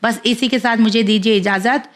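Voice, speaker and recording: A woman leads a children's pronunciation lesson with a somewhat high voice. She drills each sound slowly and patiently, one syllable at a time. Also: fairly even intonation, slight background noise. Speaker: teacher.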